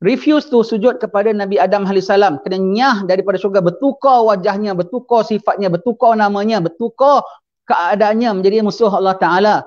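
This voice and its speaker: A man's voice: sits high, a little fast, darkish tone, lo-fi sound. A man preaching a sermon, mixing English phrases into his speech and asking his audience questions that he then answers himself.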